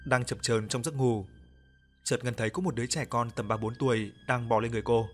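A man narrating an audio ghost story in a calm, even reading voice. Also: medium pitch, fairly quick. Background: soft background music.

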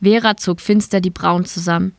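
Woman calmly reading a story. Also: on the low side, moderate pace, creaky, dry recording. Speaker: story reader. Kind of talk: scripted narration.

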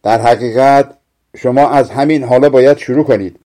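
A man's voice: medium pitch, mellow, natural voice. A man reading aloud, voicing a cruel, hunched old witch woman who gives harsh orders. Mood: stern. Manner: harsh, commanding.

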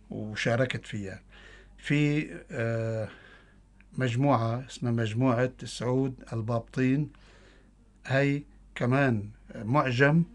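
A man with a Syrian Arabic accent giving interview answers as a guest poet, mixing formal and colloquial speech. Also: medium pitch.

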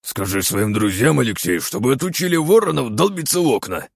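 A man voicing a grumpy, irritable male house spirit who yells in a shrill, gravelly voice, as in an audiobook. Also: very animated, a little fast, no room sound, studio quality, exaggerated voice. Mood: grumbling. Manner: shrill angry shouting. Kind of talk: audiobook character voice.

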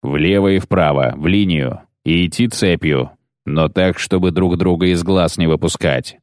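A man reading aloud, voicing a cold, calm male bounty hunter who gives curt, measured commands. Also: low-pitched, dry recording, studio quality.

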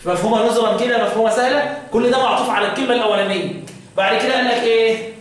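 Recorded from a distance in an echoey room, a Quran recitation teacher with an Egyptian accent quizzes his class and chants verses between questions. He speaks very fast in a very high pitch with fairly even intonation, and there's a little hiss or hum.

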